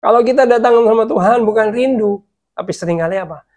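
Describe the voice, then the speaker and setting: A man preaching a casual devotional sermon, chatting with listeners as "guys", sometimes dropping to a soft hush and sometimes urging them louder. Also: high voice, quick pace. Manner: chatty, addresses listeners as "guys", mixes in English words; swings between soft, hushed passages and louder urging.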